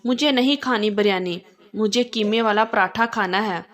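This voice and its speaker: A woman's voice: mid-range voice, normal speed, fairly bright tone, natural voice. A woman voicing a sweet, teasing young wife in a read-aloud story. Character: cheeky loving young wife.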